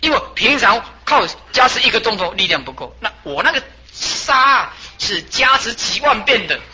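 Bright-voiced monk telling a story. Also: male voice, high-pitched, slightly rough, dull audio. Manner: animated, chuckling storyteller. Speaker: Buddhist master. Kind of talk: storytelling sermon.

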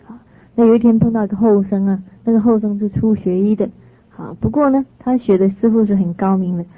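A woman teaching a sermon through lively stories, often laughing and correcting herself. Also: mid-range voice, brisk, dry recording. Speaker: dharma teacher. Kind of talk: storytelling sermon to an audience. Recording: dry, slightly dull lo-fi sound.

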